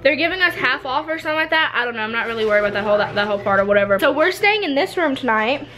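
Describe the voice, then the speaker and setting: Chatty young woman vlogging, high voice. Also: animated, racing, bright, forceful tone, faint music behind. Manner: chatty, lots of "like" fillers. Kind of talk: casual vlog chat. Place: vacation condo and car. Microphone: handheld camera held close. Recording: noisy handheld camera audio.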